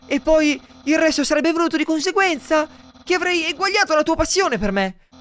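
A man voicing a boastful, loud male skeleton from a video game, with grandiose, theatrical delivery. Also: very high-pitched, lively intonation, brisk, voice pushed up. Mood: flustered.

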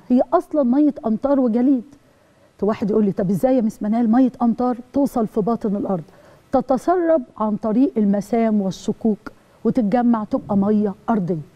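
A woman's voice: a little high, dull audio. A woman teacher with an Egyptian accent giving an exam review lesson, repeating definitions and asking and answering her own questions. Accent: Egyptian Arabic.

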